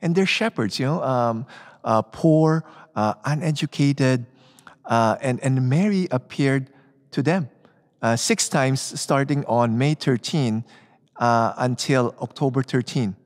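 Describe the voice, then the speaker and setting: Male priest, mid-pitched, homily full of fillers, cathedral echo with long reverb. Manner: measured reading, then loose talk with many fillers. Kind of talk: gospel reading and homily. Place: large church.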